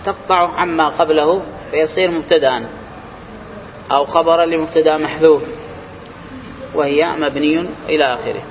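A man with a high voice teaches a grammar class, stretching out his readings of the text before explaining it and quizzing the room. The sound is dull and lo-fi, with a long hall reverb and faint hiss behind him. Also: fairly even intonation. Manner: reads quoted lines slowly and higher, then explains and quizzes students.

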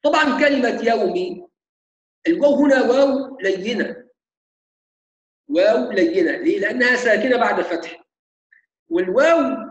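A man teaching Quran recitation, slowly demonstrating sounds and repeating them. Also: sits high, roomy sound, muffled recording. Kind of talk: tajweed lesson.

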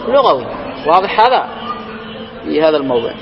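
A man teaching a grammar class, reading a text aloud slowly and then explaining it and questioning his students. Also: big pitch swings, long reverb tail, highs cut off, a crowd in the background. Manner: reads quoted lines slowly and higher, then explains and quizzes students.

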